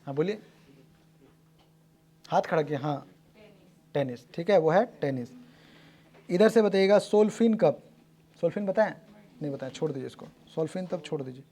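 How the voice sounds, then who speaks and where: Brisk high-voiced male teacher. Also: lively intonation, mellow. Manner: brisk, repeats answers back, jokes with class. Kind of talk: classroom quiz, calling on students. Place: classroom with students.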